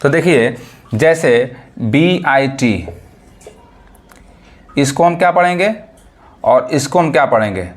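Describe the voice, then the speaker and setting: A man teaching a lesson, asking questions and answering them himself and spelling out letters slowly. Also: medium pitch, animated. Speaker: English teacher. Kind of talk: classroom-style lesson explanation.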